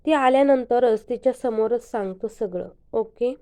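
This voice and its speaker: A woman reading the part of a worried, caring young man in an audio story, speaking earnestly and softly. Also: a little high, a little slow, natural voice.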